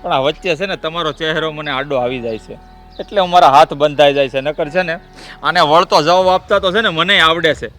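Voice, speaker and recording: A man's voice: a little high, a little fast, a bit bright, soft background music, natural voice. An actor playing an indignant man defending his insulted sister, who talks in an aggrieved, heated way. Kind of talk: village family stage drama.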